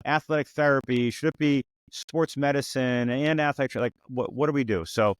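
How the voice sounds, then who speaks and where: The recording is dry, and the podcast host, a man of about fifty, speaks in a smooth mid-range voice at a fairly quick clip. His interview style is relaxed and a bit rambling, marked by frequent restarts and "you know."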